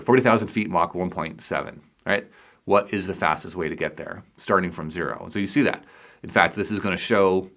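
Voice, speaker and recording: A man's voice: low voice, fairly bright tone. A man from Canada giving a technical lecture, thinking aloud and restarting phrases as he works through equations. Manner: halting, thinks aloud while writing equations.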